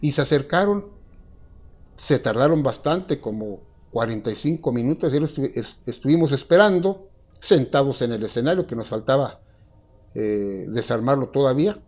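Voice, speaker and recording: A man in his sixties with a Mexican accent, recalling an old memory in an interview with a lapel mic, halting and full of restarts. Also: medium pitch, animated, a little mellow, lo-fi sound. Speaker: eyewitness interviewee. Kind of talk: recounting a memory. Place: dark room, seated.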